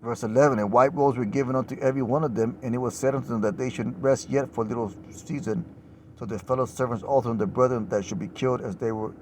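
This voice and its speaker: Dude preaching a loose sermon, reads scripture, gets loud and fired up, says "man" a lot, faint noise behind. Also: mid-range voice, steady tone, fast. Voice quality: rises to a loud passionate cry on the refrains, swears casually. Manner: fills lines with "man" and "you know". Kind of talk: informal sermon reading scripture.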